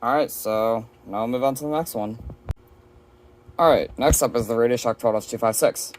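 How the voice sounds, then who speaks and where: This show-and-tell vlog features a man casually walking through his weather radio collection, shelved in an indoor room of his home. He talks at a normal speed in a mid-range voice, with noise in the background.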